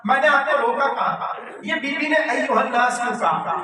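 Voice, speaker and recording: A man's voice: very high voice, lively intonation, a crowd in the background. A male cleric giving a sermon at a mourning gathering. He recites Arabic phrases, explains them, and keeps asking the audience rhetorical questions. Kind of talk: majlis sermon. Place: large prayer hall with a live audience. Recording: echoey hall, distant mic, background noise.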